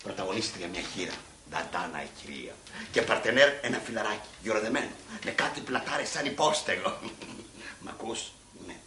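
A man's voice: fairly low pitch, sharp tone, reverberant, a little hiss or hum. A man telling a comic story down the phone, mocking and acting out scenes with sound effects. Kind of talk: comedy monologue.

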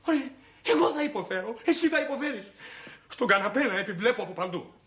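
An actor playing a boastful, excitable husband who rants with swagger about the riches he expects. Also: on the high side, reverberant. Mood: bragging. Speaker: husband scheming to get rich.

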